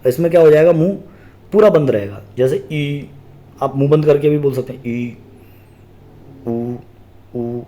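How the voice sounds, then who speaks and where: A man's voice: fairly high pitch, a little fast, warm tone. A man teaching an exam-prep grammar lesson, explaining step by step, asking and answering his own questions and repeating key terms.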